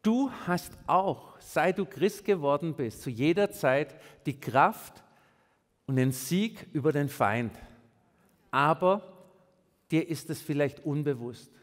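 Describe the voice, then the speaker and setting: A male pastor delivering an emphatic sermon, swinging between raised and hushed delivery. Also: on the high side, expressive, slow. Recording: long reverb in a large hall.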